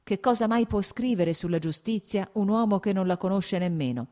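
A woman reading an audiobook, voicing an agitated, sickly radical man who declaims loudly and irritably. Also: mid-range voice, animated, moderate pace, pitched above the performer's own voice, lightly acted. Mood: scornful. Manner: loud, heated, irritable declaiming.

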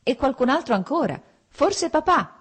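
A woman's voice: lowish voice, very animated, a little fast, darkish tone. A woman reading the part of an impulsive young male landowner in an audiobook, with an eager, raised voice. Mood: excited.

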